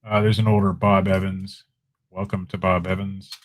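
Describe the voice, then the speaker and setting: A man's voice: low-pitched, moderate pace, a little hiss or hum. A man running a casual live-stream auction, chatting with viewers as he shows items and calls bids. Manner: chatty, relaxed, talks to viewers in chat.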